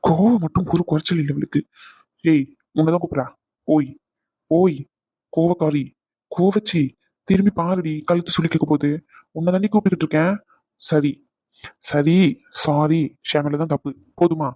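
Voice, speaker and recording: A man's voice: a little high, fairly even intonation, moderate pace, pauses often, no room sound, natural voice. A man voicing an irritated young husband in a cartoon, exasperated and pleading by turns, on a dull lo-fi recording. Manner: exasperated, pleading then snapping.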